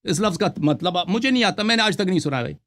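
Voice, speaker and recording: A man's voice: high voice, lively intonation, fairly bright tone. A man hosting a heated call-in debate, insistent and repeating his demands while talking over the caller. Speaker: host.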